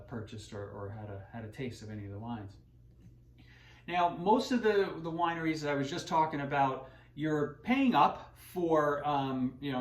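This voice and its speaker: A man hosting a wine channel, talking casually and rambling with many fillers and restarts. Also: fairly high pitch. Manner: self-deprecating. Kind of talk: casual unscripted talk. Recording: roomy echoey room.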